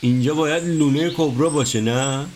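A man's voice: fairly high pitch, a little mellow, slight background noise, natural voice. An actor playing a cheeky young apprentice snake catcher who teases and jokes with his master. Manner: cheeky, teasing banter.

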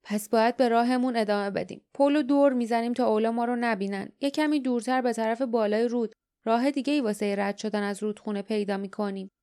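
A woman's voice: fairly high pitch, mellow, smooth, no echo, studio quality, natural voice. A woman reading as an earnest young hero. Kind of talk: audiobook dialogue.

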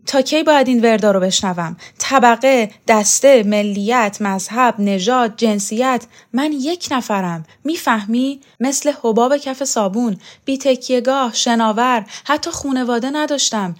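A proud, wounded old woman who hurls her words out high and loud, defiant and bitter, as a woman storyteller puts her on. Her speech comes in shrill, indignant bursts from a storybook reading. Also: few pauses, natural voice. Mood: bitter, anguished.

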